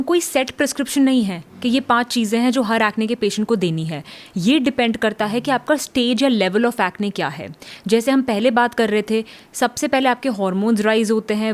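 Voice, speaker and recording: Woman, dermatologist, calm advice, medical explainer, fairly high voice. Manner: calm, advisory, mixes English terms.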